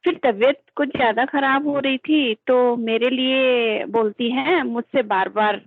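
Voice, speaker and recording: A middle-aged woman sharing a personal spiritual experience on an online call, speaking hesitantly with pauses and fillers. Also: high voice, steady tone, no room sound. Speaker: caller sharing a meditation experience. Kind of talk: casual spoken testimony on an online call. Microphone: video call. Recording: tinny phone-like call audio, dry.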